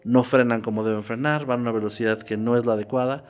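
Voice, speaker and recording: A man's voice: medium pitch, steady tone, fast talker, smooth. A man narrating a true horror story in a casual, conversational podcast style. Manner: conversational, checks in with "¿no?".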